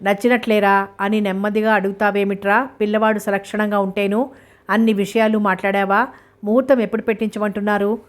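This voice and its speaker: A woman's voice: mid-range voice, little pitch movement, lightly acted. A woman reading as an eager old mother. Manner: hurried and pressing. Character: eager elderly mother arranging her daughter's marriage.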